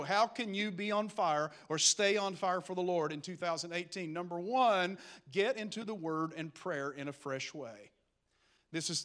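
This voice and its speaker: A man preaching a lively, humorous sermon that builds to emphatic calls to action. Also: high-pitched. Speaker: pastor.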